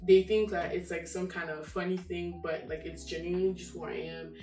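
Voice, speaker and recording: Hesitant teen girl from Nigeria, low-ish voice, far mic, echoey. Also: steady tone, brisk. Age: teens. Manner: soft, hesitant, many fillers. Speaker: guest. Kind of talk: casual interview answers. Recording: roomy, distant mic, faint music.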